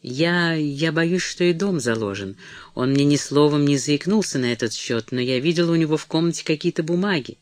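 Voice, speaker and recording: A timid, pleading mother who falters and speaks softly, read by a man. The voice sits a little high. The sound is dry and close. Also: a little fast, no echo, close to an everyday voice. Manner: soft, faltering and imploring. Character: timid, pleading poor middle-aged mother.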